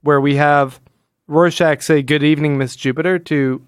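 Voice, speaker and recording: A man with a high-side voice speaks at a normal speed in a steady, clear, resonant tone, recorded dry and clean in a studio. Hosting a podcast, he analyzes comic books in a casual chat and voices the quoted lines as he goes through the story.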